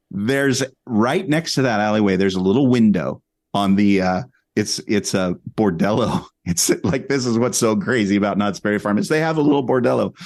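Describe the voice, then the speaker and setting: A man, a podcast guest, telling a story in an animated, rambling way with many restarts. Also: fairly low pitch, normal speed, dry recording, studio quality. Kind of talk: casual storytelling.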